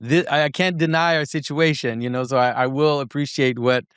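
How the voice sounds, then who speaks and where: Male interviewer, smooth clear voice, conversational, halting word repeats, dry sound. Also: fairly high pitch, fairly even intonation, a bit bright, no room sound.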